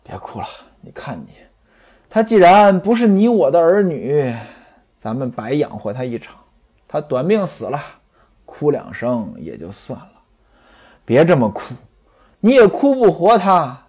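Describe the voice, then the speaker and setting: A man voicing a wealthy husband who quietly urges his grieving concubine to stop crying, in a low, hushed voice. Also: very animated, a little slow, husky, exaggerated voice. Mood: soothing.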